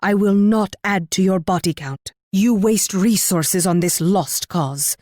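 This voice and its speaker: A woman's voice: medium pitch, mellow, dry recording, clean studio sound, lightly acted. Regal, flirtatious Queen Isabella voiced by an actress. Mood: grim, resigned. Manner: regal, teasing, theatrically measured delivery. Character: proud, flirtatious Spanish warrior queen, imperious and coaxing. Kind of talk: video game voice acting.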